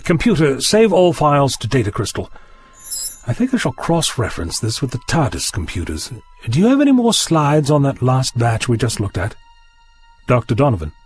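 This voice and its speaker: A man's voice: mid-range voice, huge pitch swings, normal speed, faint music behind. A man playing an eccentric, curious time-travelling doctor in an audio drama, polite but dismissive, with a musing theatrical delivery. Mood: busy, focused. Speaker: lead actor in an audio drama.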